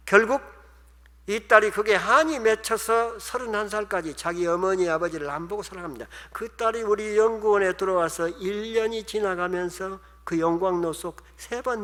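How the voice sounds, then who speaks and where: Korean pastor in a reverberant church. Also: male voice, high-pitched, moderate pace, pushed and bright. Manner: emotional, acts out quoted voices. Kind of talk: sermon storytelling. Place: church sanctuary. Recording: long hall reverb.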